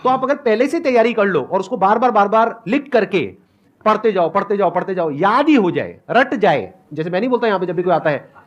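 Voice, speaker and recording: A man hosting a live stage talk, playful and quick to laugh, repeating words for emphasis. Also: high-pitched, expressive, dull audio. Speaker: show host. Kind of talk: casual stage talk with an audience. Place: stage before a live audience.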